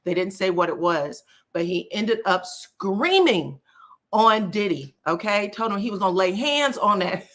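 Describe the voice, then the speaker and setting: Speaking a touch slowly, this woman has a medium-pitched, somewhat bright, scratchy voice with lively intonation. A celebrity gossip YouTuber, she hosts a casual live-stream gossip chat, talking to viewers in a chatty, loose, folksy way and greeting them as she goes.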